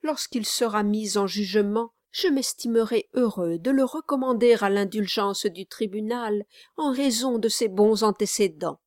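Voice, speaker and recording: A woman's voice: medium pitch, normal speed, a little mellow, no room sound, clean studio sound, natural voice. A woman reading an audiobook aloud, voicing a scheming, sly male lawyer with an unctuous, sneering manner. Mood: mock sorrow. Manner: unctuous, mock-sorrowful, sneering.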